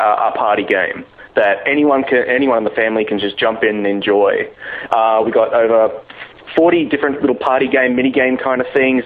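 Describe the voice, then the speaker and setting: Informal, jokey Australian male game designer, interviewed over a narrow phone-like connection. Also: medium pitch. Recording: band-limited radio-like long-distance line.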